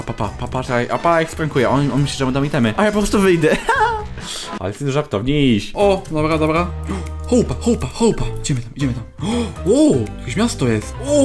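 A man commentating a video game with a lively, swooping voice that jumps between highs and lows. He is excitable and jokey, quick to exclaim and tease. Faint music plays underneath. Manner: excitable, exclaims and laughs often; jokey, teasing other players. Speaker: gaming YouTuber. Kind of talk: Minecraft let's play commentary.

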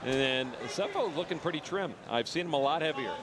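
A man giving steady, informative color commentary on a kickboxing fight. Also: on the high side, brisk, crowd noise, poor audio. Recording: heavy background noise.

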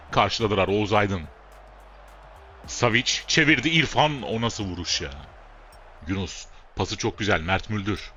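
Gameplay commentator: man, low voice, forceful and bright, talks at the players, muffled lo-fi mic. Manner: excitable, shouts at players, mutters asides. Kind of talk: casual play-by-play of a football management game.

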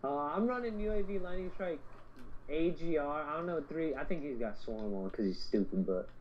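A man's voice: fairly high pitch, animated, normal speed, lo-fi sound, a little hiss or hum. A young man giving casual, slangy game commentary and repeating short callouts to his teammates. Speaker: gamer recording commentary.

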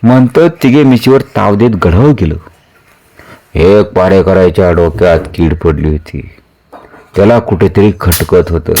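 A man's voice: fairly low pitch, dark tone. A man reading a historical novel aloud as a storyteller, narrating dramatically and voicing the dialogue.

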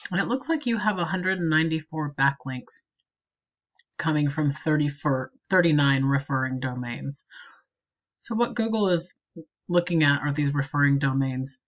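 A woman marketing consultant walking a client through an SEO review with a screen recording, in a steady and practical way. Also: deep voice, normal speed, lo-fi sound.

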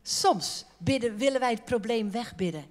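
Casting: a high-voiced woman preacher, chatty and humorous, a lively sermon at a conference. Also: normal speed. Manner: lively, joking, colloquial, acts out quotes. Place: church conference hall.

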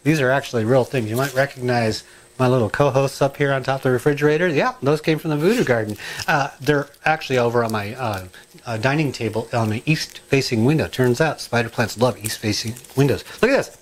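A middle-aged man chatting casually in his home kitchen, rambling and excitable, full of asides and ums. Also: mid-range voice, brisk. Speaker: home cooking and gardening vlogger.

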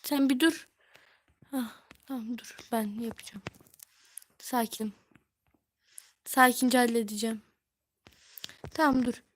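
A young woman with a high voice streams a mobile game with slow, drawn-out speech. She swings between shouting at her teammates and quiet muttered asides to herself. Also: slight background noise. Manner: yells at teammates, then drops to mutters and whispers. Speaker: gaming streamer. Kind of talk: live gameplay commentary.

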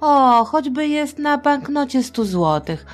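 A middle-aged woman, a storyteller and podcast host, tells history to children in a chatty, playful, theatrical style full of asides. Her high voice is animated and slow-paced, with faint music behind it.

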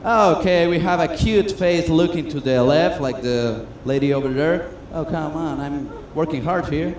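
Man, high voice, chatty self-mocking magician patter; echoey stage, noisy room. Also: measured pace, darkish tone. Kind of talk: comedic stage patter with audience. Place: cruise ship stage. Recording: echoey stage sound with noise.

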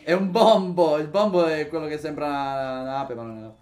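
A young man with an Italian accent giving excitable, swear-laden commentary while playing a co-op game. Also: on the high side, fast talker. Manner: excitable, swears, jumps between loud outbursts and mutters. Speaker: gaming YouTuber. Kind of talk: casual gameplay commentary.

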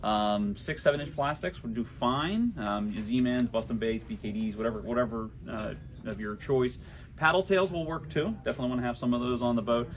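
A man's voice: medium pitch, fairly quick, slight background noise. A young man working at a tackle shop, giving easygoing practical fishing advice with frequent ums. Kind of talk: casual shop fishing report. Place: inside a tackle shop, amid glass display cases.

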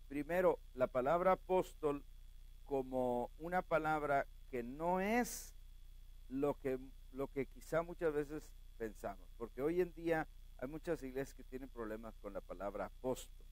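A male pastor delivers an animated sermon, his voice swinging widely up and down as he speaks straight to the congregation. His voice sits a little high for a man. The sound is dry and close, with almost no room echo. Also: measured pace. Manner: animated preaching, addresses the congregation directly.

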